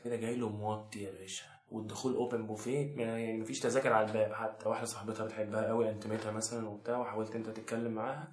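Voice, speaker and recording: A man's voice: on the low side, little pitch movement, rapid-fire, few pauses. A young man with an Egyptian accent delivering a sarcastic, mock-serious comic advice monologue to the camera. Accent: Egyptian Arabic. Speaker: comedy vlogger. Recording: echoey room.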